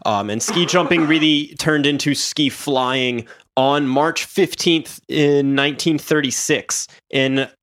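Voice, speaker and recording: A man co-hosting a podcast, casually walking friends through facts, halting with many ums and uhs. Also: a little high, a bit bright. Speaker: podcast co-host presenting a topic. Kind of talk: casual chat, explaining facts.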